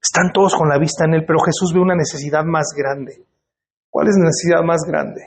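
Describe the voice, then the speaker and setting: A man's voice: on the high side, fairly even intonation, fairly quick. A male pastor, preaching in a church and putting questions to the congregation in a conversational way. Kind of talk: sermon. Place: church hall.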